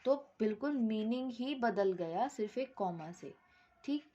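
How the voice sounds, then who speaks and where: A woman's voice: fairly high pitch, lively intonation, unhurried, warm tone, muffled recording. A woman teaching a Hindi grammar lesson, explaining step by step, mixing English words into her Hindi and checking with "ठीक".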